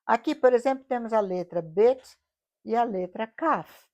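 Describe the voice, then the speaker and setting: A woman's voice: fairly high pitch, unhurried, dark tone, dull audio. A middle-aged woman with a Brazilian Portuguese accent teaching a Bible study lesson, explaining patiently and often asking her listeners rhetorical questions.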